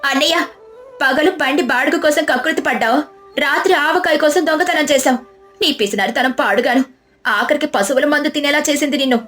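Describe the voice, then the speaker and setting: A woman's voice: steady tone, brisk, fairly bright tone, faint music behind. A woman voicing a cheeky young sister who teases and mocks. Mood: teasing. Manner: high and mocking.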